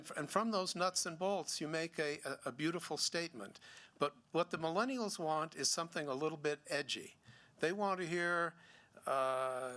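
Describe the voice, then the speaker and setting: A middle-aged man, a gallery owner giving a seminar talk, speaking haltingly with many restarts and fillers. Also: fairly high pitch, sharp tone. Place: museum seminar room.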